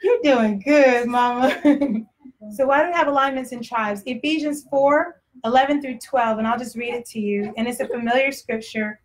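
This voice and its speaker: A woman's voice: on the high side, moderate pace. A woman with a Texas accent preaching a sermon in a blunt, conversational way, often laughing. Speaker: pastor.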